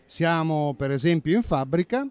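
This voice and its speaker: A man's voice: fairly high pitch, lively intonation, moderate pace, a little mellow, clear, resonant tone, no room sound. A man in his fifties demonstrating a safety app at a busy indoor trade fair stand, speaking into a handheld mic, explanatory and fluent with small self-corrections. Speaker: company safety manager. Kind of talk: trade fair product demo. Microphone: handheld interviewer mic.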